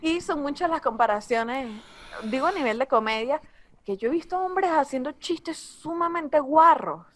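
A young woman comedian with a Venezuelan accent, talking casually and bluntly, swearing freely in a relaxed conversation. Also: high voice. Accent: Venezuelan Spanish. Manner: blunt and profane, quick asides.

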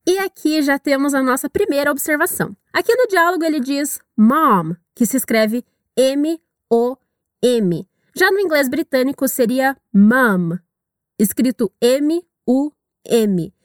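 A woman from Brazil teaching English in a scripted audio lesson, upbeat and encouraging, with slow drilled repetitions. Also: high-pitched, lively intonation, no room sound, studio quality.

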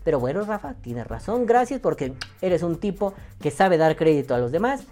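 A woman's voice: lowish voice, big pitch swings, moderate pace, dark tone, soft background music. A woman with a Mexican accent hosting a podcast, reading listener comments and answering them in a profane, joking way. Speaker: podcast host.

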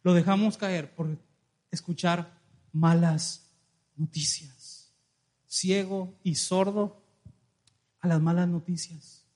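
A man preaching an animated sermon in a church, calling on the congregation and acting out stories. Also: sits high, slow pace, pauses often. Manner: animated, calls congregation to respond, acts out dialogue. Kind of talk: lively sermon with storytelling.

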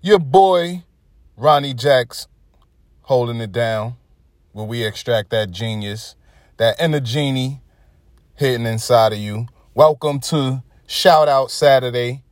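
Podcast host, male, Brooklyn New York accent, relaxed motivational talk, mid-pitched, dry close mic. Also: takes it slowly, no echo. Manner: laid-back, conversational, chuckling asides. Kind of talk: casual motivational monologue.

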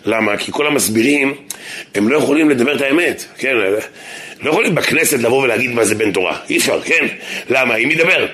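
The speaker is a lively, animated rabbi leading a lighthearted Torah class at a synagogue. He jokes throughout, his volume jumping between loud shouting and low asides.

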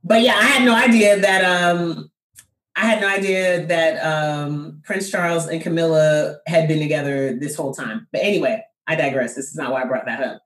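Lively woman, roomy podcast echo. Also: deep voice, moderate pace. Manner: animated, laughs often, lots of "like" and "bro". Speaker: podcast co-host. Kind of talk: casual chat.

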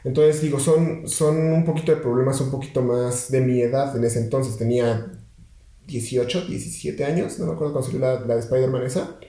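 Mellow-voiced young man in an echoey room. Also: mid-range voice, brisk. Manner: rambling, many restarts and fillers. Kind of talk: casual chat.

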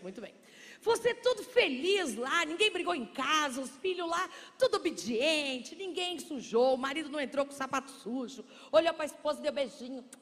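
A woman pastor preaching a sermon, playful and joking with the congregation, then slowing into soft, intimate speech. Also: extremely high pitch. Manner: slows and softens into quiet, intimate speech. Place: church sanctuary. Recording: long church reverb.

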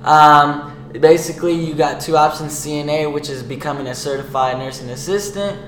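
A man's voice: on the high side, steady tone, moderate pace, fairly bright tone. A seventeen-year-old young man co-hosting a student podcast, explaining things in a casual, slangy way. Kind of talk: casual chat. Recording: echoey room with faint noise.

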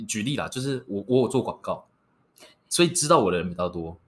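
Fast-talking man in his twenties, deeper voice. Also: lively intonation. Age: 20s. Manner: joking, cheeky. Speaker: podcast guest. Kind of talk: casual relationship talk.

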